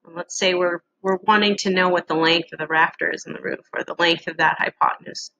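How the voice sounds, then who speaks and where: A middle-aged woman giving a casual, halting lesson walkthrough with frequent pauses, as an instructor on a screen-share recording. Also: on the low side, fairly even intonation, noisy background.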